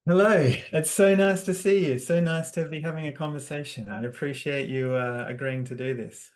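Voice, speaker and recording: Australian male host, relaxed conversational interviewer, flat and even delivery, lots of ums. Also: on the high side, normal speed. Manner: warm-hearted, hesitant, with many fillers and laughs. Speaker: podcast host.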